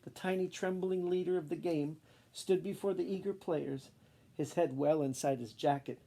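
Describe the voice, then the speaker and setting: Reading a children's picture book aloud at normal speed, this man tells the story expressively. His voice is creaky and sits on the high side.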